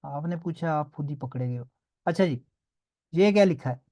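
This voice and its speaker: A man's voice: on the high side, moderate pace, mellow. A man teaching a beginners' online class, patiently drilling sounds and often checking that students follow. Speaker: language teacher.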